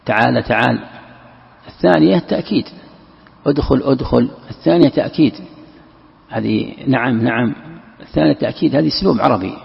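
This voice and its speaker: A male scholar explains a text in a lesson and often repeats words for emphasis. His voice is heavily gravelly and very husky. The dull, lo-fi recording carries a long reverb from the hall. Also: mid-range voice. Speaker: Islamic scholar teaching Quran commentary. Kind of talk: classroom commentary lesson.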